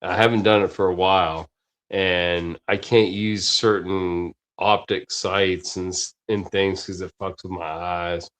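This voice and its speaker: A man's voice: deep voice, level tone, a little slow, fairly bright tone. Rambling, swearing man near fifty. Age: 40s. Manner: rambling, swears often, many restarts. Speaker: podcast host. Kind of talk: casual chat.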